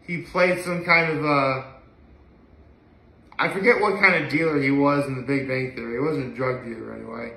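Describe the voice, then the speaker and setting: A young adult video blogger chats casually to a camera or phone a few feet away in his echoey living room, gushing and repeating phrases for emphasis. His medium-pitched voice is bright and forceful, with a steady tone, a moderate pace, and some vocal fry.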